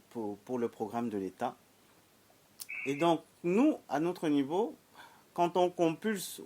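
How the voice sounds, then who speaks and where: Male host, formal and measured, hesitant, interview moderator. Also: medium pitch, darkish tone.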